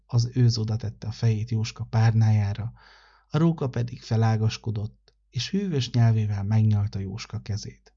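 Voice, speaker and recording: Husky man reading a children's story. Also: fairly low pitch, dull audio. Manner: calm, measured narration. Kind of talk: read-aloud children's story.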